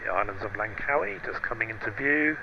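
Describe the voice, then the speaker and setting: A male pilot talking calmly through a cockpit headset, giving radio readbacks and narrating the flight. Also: fairly low pitch, fairly quick, gravelly. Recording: muffled headset audio with faint cabin hum.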